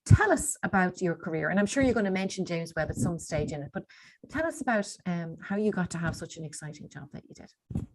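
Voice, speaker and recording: Chatty woman hosting, lowish voice. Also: expressive, brisk, slight background noise, low-quality recording. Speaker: event host. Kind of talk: informal event hosting.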